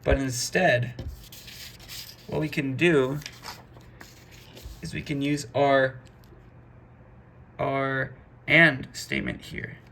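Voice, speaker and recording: A man explains code in a loose, conversational tutoring style, walking through each step and dropping the odd "boom." His voice has a gravelly texture with a bright, forward tone, and a faint hiss of room noise sits under it. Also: level tone, extremely slow, long pauses. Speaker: programming instructor. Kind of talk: casual screen-recorded coding lesson.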